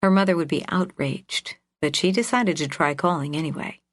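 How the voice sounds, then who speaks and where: A woman reading an audiobook in a measured, even storytelling voice, close to the mic. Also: sits low, no echo. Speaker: audiobook narrator. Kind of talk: scripted narration.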